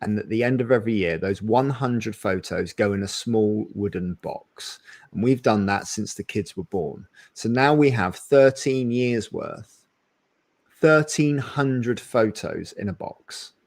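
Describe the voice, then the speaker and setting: A man's voice: on the low side, expressive, measured pace, gravelly, dry recording, studio quality. Chatty man hosting a video call interview. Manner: enthusiastic, talkative, rambling with restarts. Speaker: webinar host. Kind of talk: casual conversational interview.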